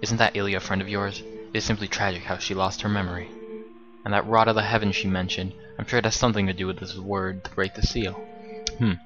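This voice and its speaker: A man's voice: lowish voice, level tone, quick pace, lo-fi sound, music in the background, close to an everyday voice. A man voicing a polite, bookish young male scholar in a put-on British accent, formal and eager. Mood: curious.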